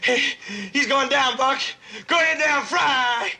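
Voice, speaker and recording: A man's voice: very high-pitched, unhurried, pushed and bright, full character voice. An actor playing a young man, a traumatized airman reliving a crash in a 1960s film, frantic, pleading and sobbing. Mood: excited. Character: panicked young male bomber airman in a flashback.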